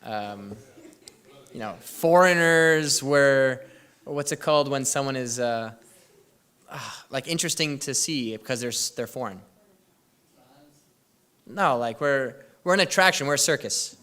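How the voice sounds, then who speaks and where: Speaking a little slowly with long pauses, this young man has a medium-pitched voice that's smooth and a touch bright. He's a youth group presenter in a church hall, casually telling kids about a trip in a rambling way, cutting himself off mid-sentence and leaning on fillers.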